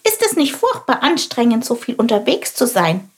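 A woman voicing a curious, excitable little male sparrow who asks eager questions. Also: on the high side, normal speed, breathy edge, voice pushed up, heavily acted.

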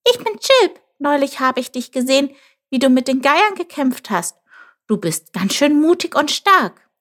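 A woman's voice: high voice, very animated, a little slow, a bit bright, pitched above the performer's own voice, heavily acted. A woman voicing a small, eager young male bird who talks earnestly and stammers when upset.

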